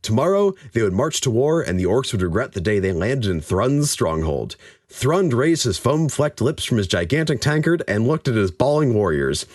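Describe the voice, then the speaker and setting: A man co-hosting a podcast, reading a story aloud and chatting casually, animated and jokey. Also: medium pitch, normal speed, no room sound, studio quality. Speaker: podcast co-host and story reader.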